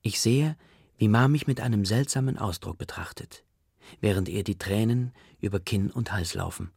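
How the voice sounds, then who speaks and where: A man narrates a story in a low, gravelly voice with a husky, rough edge. His reading is quiet and subdued. The recording is dry and close, with no room sound. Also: normal speed, no room sound. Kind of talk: audiobook narration.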